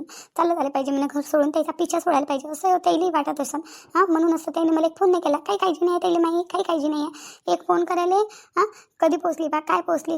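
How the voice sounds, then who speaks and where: Give me a woman playing a stubborn young wife, fast and high-pitched. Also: vocal fry, a little mellow. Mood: aggrieved. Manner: complaining, repeats herself. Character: sulky stubborn young wife at her mother's. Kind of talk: cartoon voice acting.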